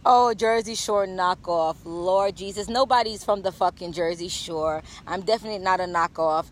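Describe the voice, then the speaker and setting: A woman's voice: lowish voice, moderate pace, poor audio. A woman from Jamaica ranting in a brash, profane, sassy way on a casual phone livestream, outdoors in the rain. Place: outdoors in rainy weather.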